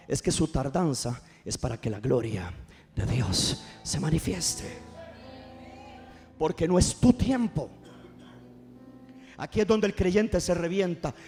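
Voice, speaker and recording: A man preaching a passionate sermon, firing rhetorical questions at his congregation. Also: very high voice. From Costa Rica. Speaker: pastor. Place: church service.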